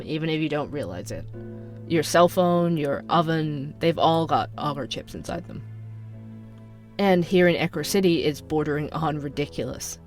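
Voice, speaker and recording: An actor plays a young barista on the night shift, sardonic and suspicious, narrating his own podcast within an audio drama. He sounds natural, his male voice on the high side, and his delivery is wry, conspiratorial and chatty.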